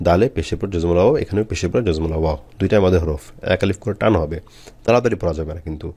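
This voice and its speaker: Guy teaching quran reading, deep voice, patient drilling, stretches long vowels, dry close mic. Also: very fast, dark tone, no echo. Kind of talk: spelling out Arabic letters in a reading lesson.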